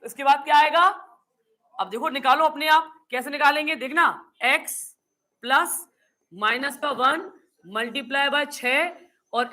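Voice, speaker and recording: In a high voice that sounds pushed and bright, a woman with a Hindi accent delivers a chemistry lecture. She quizzes the class and answers herself, occasionally impersonating confused students for laughs.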